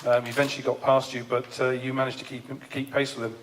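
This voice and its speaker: A man at a middle pitch runs a press conference, introducing drivers and asking questions. He talks casually and upbeat, in a chatty way. The room around him sounds roomy, with faint noise behind. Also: flat delivery, fast talker.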